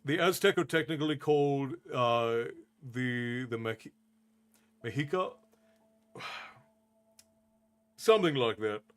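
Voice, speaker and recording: A man's voice: medium pitch, lively intonation, slow, pauses often, a bit bright, clear, resonant tone. An American-born man hosting a storytelling live stream, casually chatting to viewers and explaining history at length. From United States.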